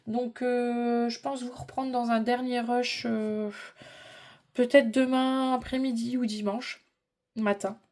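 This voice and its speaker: A woman's voice: on the high side, little pitch movement, slow, a little mellow. A middle-aged woman chatting casually in a hobby vlog, informal and rambling as she thinks aloud. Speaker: vlogger.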